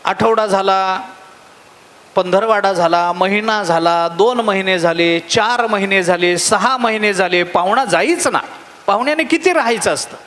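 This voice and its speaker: High-voiced man telling a story in a reverberant hall. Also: unhurried, a bit bright. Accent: Marathi. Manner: humorous storyteller acting out characters' voices. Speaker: spiritual discourse speaker. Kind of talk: Marathi devotional discourse with storytelling.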